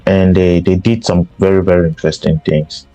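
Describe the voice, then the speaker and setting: A man's voice: low voice, level tone, normal speed, mellow, no room sound, dull audio, soft background music. A man from Cameroon, hosting a podcast and giving an emphatic political commentary monologue. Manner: emphatic, repeats himself for stress. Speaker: podcast host.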